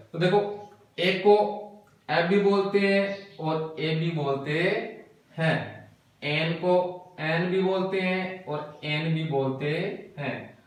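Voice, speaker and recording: Male teacher with a fairly high voice, standing back from the mic in a very echoey room, explaining step by step. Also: recorded from a distance. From India. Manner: explains step by step, repeats key words and asks himself questions. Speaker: English teacher. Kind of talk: classroom lesson explanation.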